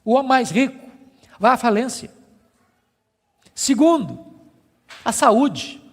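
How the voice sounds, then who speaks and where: Brazilian pastor, gravelly, preaches emphatically with repetition in a reverberant church. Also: male voice, extremely high pitch, lively intonation, slow. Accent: Brazilian Portuguese. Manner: emphatic preaching with rhetorical repetition, dropping to a hush. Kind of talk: sermon. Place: church service.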